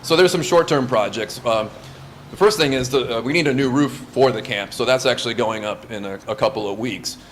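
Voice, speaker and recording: A man from Southern California whose first language is Lithuanian answers interview questions about a scout camp, eager and casual, with restarts and light laughs. His voice is medium-pitched and brisk, with slight background noise.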